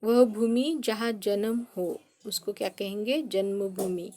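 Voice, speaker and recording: A woman's voice: mid-range voice, fairly even intonation, slow pace, mellow. A woman teacher giving a grammar lesson to children, patiently explaining and answering her own questions.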